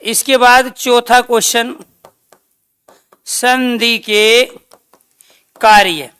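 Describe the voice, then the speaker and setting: A woman teaching a grammar class, speaking slowly and dictating points, posing questions to her students and then answering them. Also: on the high side, steady tone, a bit bright, clean tone, dry recording. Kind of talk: online class lecture.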